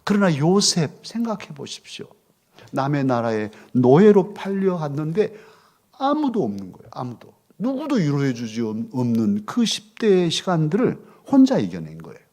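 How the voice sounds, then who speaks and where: A middle-aged male pastor preaching a sermon in a church, moving between loud rhetorical questions and soft, hushed asides. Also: fairly high pitch, moderate pace. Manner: expressive, swings from loud questions to soft near-whispers. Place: church sanctuary.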